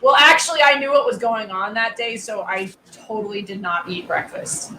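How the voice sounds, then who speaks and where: A young woman podcast guest chats bluntly and laughs often. Her voice sits at a middle pitch and rings in an echoey room, with a faint hum behind. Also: moderate pace, sharp tone. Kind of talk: casual chat.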